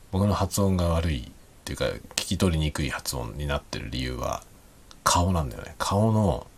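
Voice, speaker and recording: Man, very low husky voice, lively pitch, quiet late-night rambling solo chat with chuckles. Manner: soft, rambling, self-deprecating, chuckles often; speaks quietly while drinking. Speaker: podcast host.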